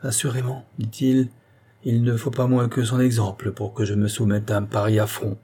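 A man reading an audiobook voices a proud, condemned king who speaks in a commanding, defiant tone and rises to shouts. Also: medium pitch, little pitch movement, moderate pace, natural voice. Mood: resigned. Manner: masterful, defiant, rising to shouts.

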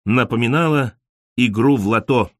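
A man's voice: medium pitch, normal speed, a bit bright, no room sound, clean studio sound. A man narrating a literary story in a wry, ironic storytelling manner.

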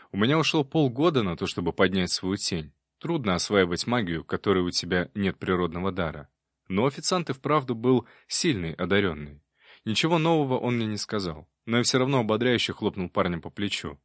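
A man's voice: on the low side, a bit bright, no room sound, clean studio sound. A man reading a first-person audiobook in a wry, conversational storytelling manner. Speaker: audiobook narrator.

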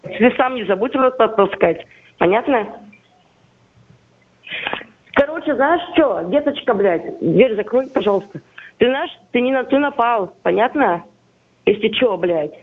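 A woman's voice: on the high side, expressive, a little slow, pauses often. Furious swearing woman on the phone. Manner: aggressive, swearing, threatening. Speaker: prank call target. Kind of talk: heated phone argument. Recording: tinny phone line.

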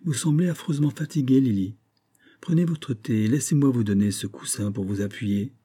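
A man's voice: medium pitch, brisk, breathy edge, lightly acted. A man voicing an anxious, kindly young woman who gossips and fusses over her friend, in an audiobook reading. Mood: tender concern. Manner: fretful gossiping, gently fussing.

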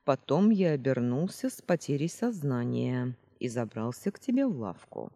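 Woman reads calm male dragon, measured explainer, breathy, hall reverb. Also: a bass voice, full character voice. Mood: reasoning. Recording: roomy reverb.

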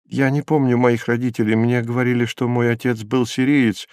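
A man reading an audiobook and voicing a frightened young male prisoner who answers hoarsely and in haste. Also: medium pitch, flat delivery, moderate pace, darkish tone, dry recording, studio quality, lightly acted. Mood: anxious. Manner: hasty, eager to please.

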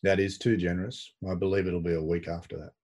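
A man's voice: low-pitched, little pitch movement, fast, a little mellow. A man with an Australian accent co-hosting a casual sports podcast, with dry, self-deprecating humour. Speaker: podcast co-host.

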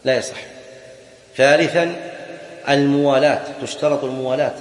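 A man's voice: mid-range voice, steady tone, fairly quick. A man teaching a classroom lesson on Islamic jurisprudence, explaining point by point, repeating key phrases and asking rhetorical questions. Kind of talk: classroom lecture on a fiqh text. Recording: echoey hall with long reverb.

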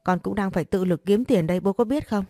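A woman's voice: mid-range voice, quick pace, mellow, no echo, clean studio sound, close to an everyday voice. A woman voicing an exasperated young married daughter who sharply scolds her father.

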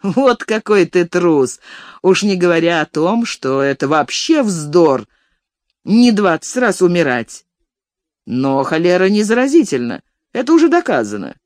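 A reader voicing a calm young man who talks firmly and matter-of-factly with a frightened old servant, in a storybook reading. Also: medium pitch, unhurried, dry recording, studio quality. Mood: firm impatient. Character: young man, calm and scornful, estate messenger.

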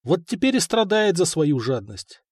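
A man narrating an audiobook in a steady, wry storytelling manner. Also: on the high side, normal speed, husky, no room sound, studio quality. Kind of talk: scripted narration.

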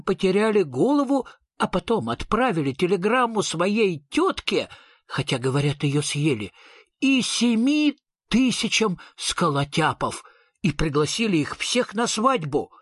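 A man's voice: high voice, fairly bright tone, slightly rough, no echo, studio quality, pitched above the performer's own voice, exaggerated voice. A man voicing a nervous, pompous fairy-tale king who speaks of himself as "we". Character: fussy nervous king, pompous and high-strung.

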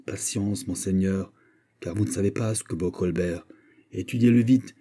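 A man's voice: low voice, moderate pace, mellow. A man voicing a loyal, anxious male confidant in an audiobook, delivering grave, urgent warnings. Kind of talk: audiobook character reading.

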